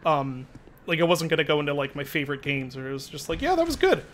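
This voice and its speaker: A young man with a bright, slightly high voice talks casually over a game stream at his desk mic. He laughs a lot and mutters to himself as he plays, with a faint hiss in the background. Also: steady tone, fast talker. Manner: chatty, laughs often, mutters to himself while playing. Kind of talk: casual gaming stream chat. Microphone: desk microphone.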